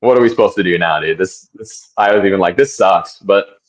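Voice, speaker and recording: Laid-back low-voiced man, rambling. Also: quick pace, low-quality recording. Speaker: guest athlete. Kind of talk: casual podcast chat.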